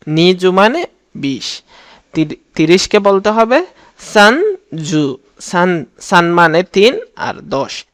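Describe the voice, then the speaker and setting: A man with a slightly high voice and a Bangladeshi Bengali accent teaches a lesson at a very unhurried pace. He repeats each word carefully for learners to echo. The recording is dry and close, with no room sound. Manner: slow, patient, repeats words for learners to say along. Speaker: language teacher. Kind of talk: spoken language lesson.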